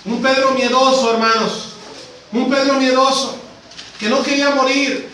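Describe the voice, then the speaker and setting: A man preaching with a very high voice for a man, keeps calling out to the brothers, and swings between loud bursts and low, hushed lines. He is heard from far off in a strongly echoing church. A faint hiss runs under the recording. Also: little pitch movement, unhurried. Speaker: missionary preacher. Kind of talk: Spanish-language church sermon. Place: church sanctuary.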